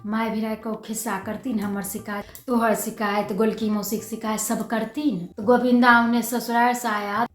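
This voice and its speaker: A woman's voice: a little high, level tone, normal speed, few pauses, faint music behind. Insistent middle-aged woman, echoey. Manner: argumentative, insistent. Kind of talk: family drama dialogue.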